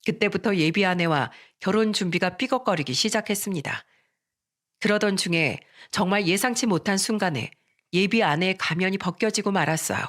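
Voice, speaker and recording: A narrator reading a scripted first-person story in a calm, steady way. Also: medium pitch, moderate pace.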